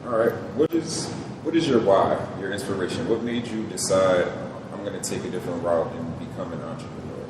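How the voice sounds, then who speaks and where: A male interviewer with a very low voice asks casual, encouraging questions from away from the mic. The room echoes with a long tail and steady noise. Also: brisk, recorded from a distance. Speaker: interviewer host.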